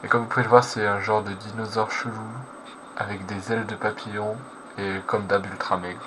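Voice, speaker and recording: Speaking a little fast in a lowish, flat voice, a man hosts a reaction video with casual, slangy live commentary. He translates on the fly, hesitating and correcting himself as he goes, against a clearly noisy background.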